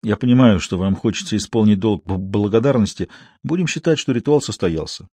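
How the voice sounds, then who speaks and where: A man's voice: on the low side, expressive, a little fast, mellow, slightly rough, no echo. A man reading an audiobook who voices a reserved middle-aged detective, clipped, dry and sour. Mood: dry ironic. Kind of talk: audiobook character voice.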